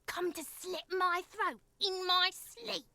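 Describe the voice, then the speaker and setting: A woman voicing a paranoid, hostile woman who spits accusations at a cop in a shrill, spiteful tone. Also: fairly even intonation, slow, bright, forceful tone, heavily acted.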